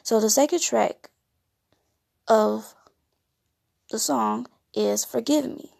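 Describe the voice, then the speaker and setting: A woman giving a casual spoken album review, explaining song lyrics line by line in a relaxed, chatty way. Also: on the high side, slow pace, creaky. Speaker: music reviewer.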